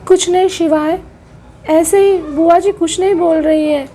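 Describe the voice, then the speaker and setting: A woman voicing a meek young bride who speaks softly and apologizes in a doll-play soap drama. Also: very high voice, steady tone, measured pace, a little hiss or hum. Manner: soft, apologetic.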